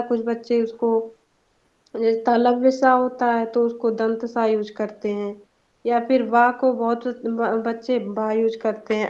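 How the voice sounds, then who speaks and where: A young woman giving a student presentation in an online class, explaining points with examples and a few hesitant fillers. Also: fairly high pitch. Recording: dull lo-fi online class audio.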